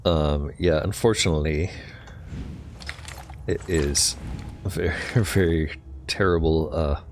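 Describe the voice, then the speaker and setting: Deep-voiced man thinking aloud over a game. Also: steady tone, takes it slowly, a little hiss or hum. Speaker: gamer narrating own play. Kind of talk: casual gameplay commentary.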